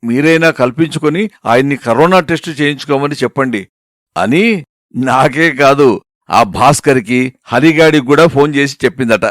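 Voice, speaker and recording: A man's voice: mid-range voice, normal speed, no echo, studio quality, lightly acted. A man voicing a know-it-all male friend who lectures over the phone. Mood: lecturing. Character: bossy advice-giving male friend on phone.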